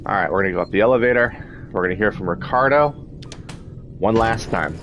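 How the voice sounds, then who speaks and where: A man's voice: fairly low pitch, lively intonation, fairly quick, fairly bright tone, lo-fi sound. A man giving casual video game commentary, thinking aloud in a hesitant way. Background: game music and sound.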